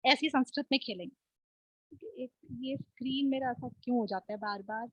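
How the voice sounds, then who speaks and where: A woman teaching an online class through a playful word game, encouraging her pupils and drilling words slowly and clearly. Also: fairly high pitch, fairly bright tone, no echo, dull audio. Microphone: video call.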